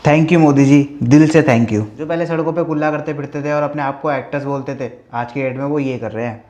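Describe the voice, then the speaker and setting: A man's voice: on the high side, steady tone, a little fast, a little mellow, highs cut off. A man from Dehradun giving crude, mocking roast commentary full of swearing. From Dehradun, India.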